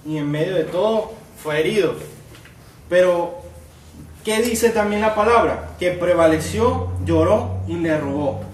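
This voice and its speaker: A man's voice: high-pitched, a little slow, roomy sound, distant mic, a little hiss or hum. A man preaching a sermon as pastor, reading scripture aloud with rising emphasis and asking the congregation rhetorical questions. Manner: asks the congregation rhetorical questions and calls them brother.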